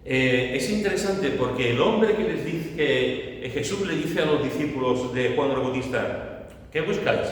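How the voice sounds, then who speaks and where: Sermón de un hombre con acento andaluz, grabado desde lejos en una iglesia que resuena mucho. Tiene un tono de charla, bromista, con repeticiones que van ganando fuerza, y detrás se oye un leve ambiente de sala. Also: male voice, mid-range voice, slight background noise. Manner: conversational, joking, builds to emphatic repetition. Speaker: preacher. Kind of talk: sermon. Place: church hall. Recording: echoey church hall, far from mic.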